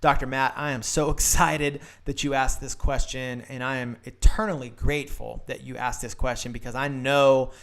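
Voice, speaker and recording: A man's voice: medium pitch, fairly bright tone, smooth. A man hosting a solo video Q&A, giving practice-building advice in an enthusiastic, emphatic way and repeating phrases for stress. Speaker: practice-building coach and show host.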